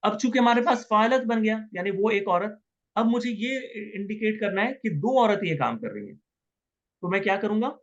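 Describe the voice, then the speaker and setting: A man's voice: high-pitched, animated, normal speed, muffled recording. A man teaching Arabic grammar in an online class, patiently repeating words and asking students questions.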